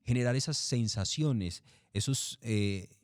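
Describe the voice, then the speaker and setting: A middle-aged man, a commercial voice-over artist talking in an interview, relaxed and repetitive, asking and answering his own questions. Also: mid-range voice, slow pace, no echo, studio quality. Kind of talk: interview, casual explanation.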